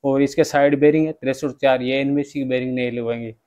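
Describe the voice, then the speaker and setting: A man's voice: mid-range voice, steady tone, a little fast, darkish tone. A man, working as a bike mechanic, giving a step-by-step workshop repair tutorial and addressing viewers as friends.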